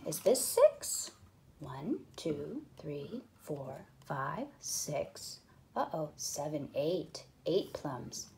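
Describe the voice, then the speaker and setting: A young woman teacher reading a counting book aloud to small children, counting slowly in a sing-song way with playful whispers and excited pitch jumps. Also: a little hiss or hum. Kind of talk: counting read-aloud lesson.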